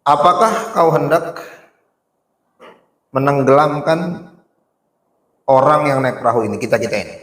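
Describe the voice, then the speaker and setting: A man's voice: medium pitch, measured pace, pauses often. Guy giving a chatty sermon, asks the crowd questions, big echoey hall sound. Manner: animated, rhetorical questions to the audience; colloquial speech with Arabic recitation. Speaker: Islamic preacher. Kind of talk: casual sermon storytelling.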